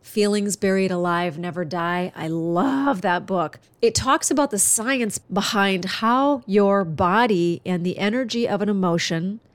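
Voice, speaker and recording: Stuffy-nosed and audibly congested, a podcast host talks to her listeners in a solo monologue full of earnest, chatty warmth and encouragement. She speaks at medium pitch, a little slowly with few pauses, on a dry recording.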